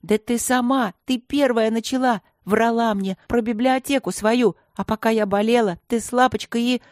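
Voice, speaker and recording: A prickly teenage schoolgirl snaps with contempt, as a woman reading a storybook puts her on. The voice sits higher than the reader's own and the sound is dry and close. She is quick to take offense. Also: fairly even intonation, darkish tone, dry recording, lightly acted. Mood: angry. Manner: snapping and contemptuous.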